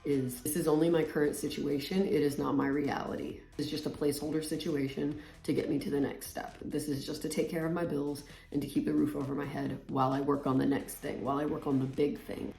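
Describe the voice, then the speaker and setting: A woman's voice: low-pitched, level tone, creaky, mellow. A woman in her late twenties chatting casually and informally, with lots of filler words, as she applies makeup. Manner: talking while applying makeup, with trailing pauses; informal, filler-heavy, says "like" constantly. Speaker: vlogger. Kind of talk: casual chatty get-ready-with-me monologue. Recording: roomy echo.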